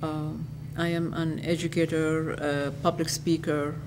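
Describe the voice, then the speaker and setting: An older woman from Iraq, an educator giving interview answers in a lecture hall, speaking in a measured way and restating her phrases. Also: low-pitched, level tone, background noise.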